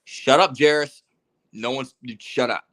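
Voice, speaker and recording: A man's voice: medium pitch, unhurried, a bit bright. A man hosting a casual sports podcast, ranting in an exasperated, heated way with swearing and teasing of his co-hosts. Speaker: podcast host.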